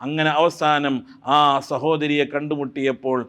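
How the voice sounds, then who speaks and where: A man preaching a Ramadan sermon, his voice pitched a little high and smooth throughout. He chants verses slowly and retells stories with voiced quotes. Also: level tone. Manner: chants Quranic Arabic slowly, then tells stories with acted quotes. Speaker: Islamic preacher.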